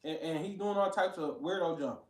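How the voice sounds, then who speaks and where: A man's voice: on the high side, brisk, reverberant, recorded from a distance, poor audio. A man giving blunt, profane, emphatic casual commentary while reacting to a video.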